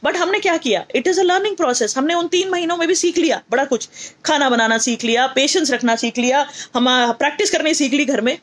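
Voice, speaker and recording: A middle-aged woman with a North Indian accent, a teacher and motivational speaker, gives a lesson mixing Hindi and English. Her high voice moves fairly quickly. She's emphatic and repetitive, often posing rhetorical questions.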